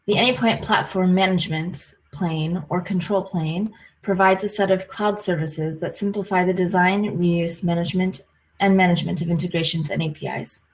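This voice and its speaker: American woman presenter on a video call, lower pitch, clear explanatory delivery. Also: fairly even intonation, normal speed, a little hiss or hum, low-quality recording. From United States. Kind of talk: webinar presentation.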